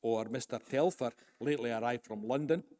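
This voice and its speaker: A man's voice: mid-range voice, dark tone. Man lecturing in a reverberant hall. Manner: measured, formal reading with dry asides. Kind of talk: live public lecture read from a prepared text. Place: lecture hall, recorded live.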